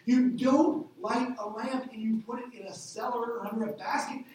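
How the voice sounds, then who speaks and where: A middle-aged man preaching a sermon as a pastor, animated, asking rhetorical questions and acting out little voices. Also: extremely high pitch, normal speed. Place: church hall. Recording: echoey hall, distant mic.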